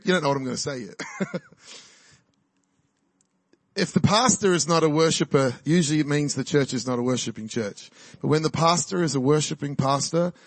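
With a medium-pitched voice and no room sound, a man in his forties from New Zealand preaches as a guest in a church. His sermon and personal testimony are chatty and exuberant, and he laughs a lot while rallying the crowd.

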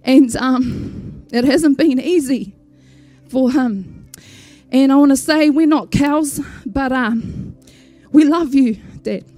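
A high-voiced woman with a Māori New Zealand accent speaks over music at a church gathering. Her tribute is heartfelt and informal, with hesitations and Māori words dropped into the English. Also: slow, warm tone, no echo. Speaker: church member introducing an honoured elder. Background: music behind the voice.

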